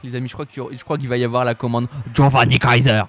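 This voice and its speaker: A man giving playful play-by-play commentary on a wrestling game stream, excitable and laughing, bursting into shouts. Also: mid-range voice, racing.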